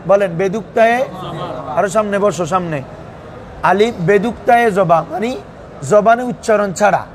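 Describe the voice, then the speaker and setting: A man's voice: sits high, normal speed. A man teaching Arabic grammar to a class, constantly asking students questions and waiting for them to answer. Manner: quizzes students with a recurring "what is it?" tag. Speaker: madrasa teacher. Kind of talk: classroom lesson with call-and-response questions.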